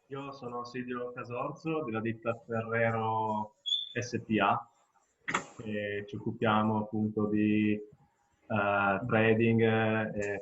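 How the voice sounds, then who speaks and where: A man with an Italian accent introducing himself as a company representative. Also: lowish voice. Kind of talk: self-introduction. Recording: dull, noisy video-call audio.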